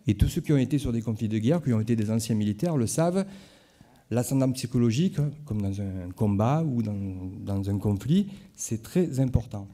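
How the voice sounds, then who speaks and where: A man's voice: mid-range voice, animated, a little fast, warm tone. A man from Marseille with a Marseille accent, giving a conference talk in a conversational way and making frequent asides to the audience. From Marseille, France. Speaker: conference speaker. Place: conference hall.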